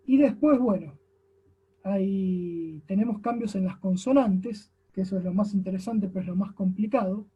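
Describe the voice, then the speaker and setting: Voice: mid-range voice, measured pace, dark tone, husky, lo-fi sound. A teacher with an Argentine accent giving a recorded class lecture, explaining step by step and often tagging sentences with a questioning "no?". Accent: Argentine Spanish. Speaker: language teacher.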